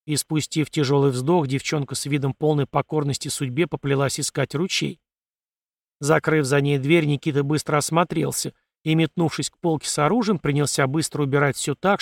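A man reading an audiobook as narrator in a steady, even storytelling manner. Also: on the high side, fairly quick, vocal fry, no echo, studio quality. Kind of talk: scripted narration.

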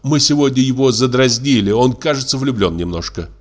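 A man reading a play aloud, voicing a calm, sensible elder sister who speaks gently. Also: mid-range voice, brisk, close to an everyday voice. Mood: gentle.

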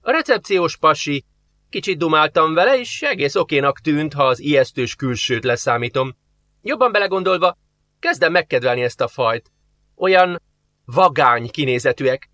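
A man voicing a talkative, teasing young woman in an audiobook, with quick playful retorts. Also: a little high, animated, bright, forceful tone, no echo, pitched above the performer's own voice. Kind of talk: audiobook character voice.

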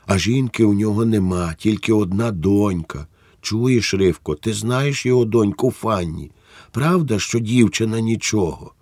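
A man's voice: on the low side, a little mellow, no room sound, clean studio sound, voice pushed up. A man reading aloud and voicing a nervous, pleading husband in a somewhat raised voice. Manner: pleading, stammering. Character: flustered middle-aged husband, pleading and nervous.

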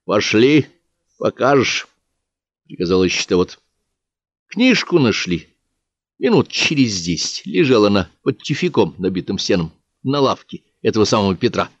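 A man reading an audiobook in a measured, expressive storytelling manner. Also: on the low side, slightly rough, no room sound. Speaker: audiobook reader. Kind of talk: audiobook narration. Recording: dry, slightly dull audiobook recording.

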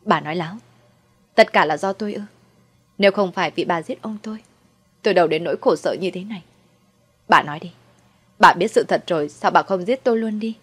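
A woman voicing a bitter, vengeful young daughter-in-law who shouts with resentment, in a storybook reading. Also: on the low side, moderate pace, long pauses, husky. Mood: anguished.

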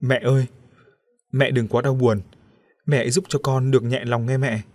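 A man's voice: medium pitch, level tone, moderate pace, darkish tone, no echo, clean studio sound, lightly acted. A man voicing the ghost of a young woman who speaks faintly and pleadingly in a storybook reading.

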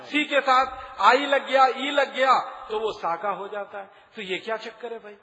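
A man's voice: very high-pitched, sharp tone. A man giving a public lecture, arguing rhetorically, asking the audience questions and spelling words out letter by letter. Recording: lecture hall with long reverb.

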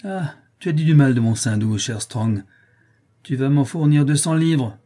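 A man's voice: medium pitch, normal speed, mellow, slightly rough, close to an everyday voice. A man voicing a greedy, scheming male meat-packer with an insistent, sneering manner, read aloud from a story.

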